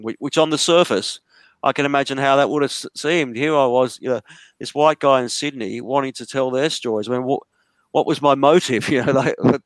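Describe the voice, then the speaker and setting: A man's voice: mid-range voice, no room sound. A man being interviewed who tells his story in a rambling way, restarting his sentences often. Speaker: interview guest, writer. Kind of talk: conversational interview. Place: lives in a large city.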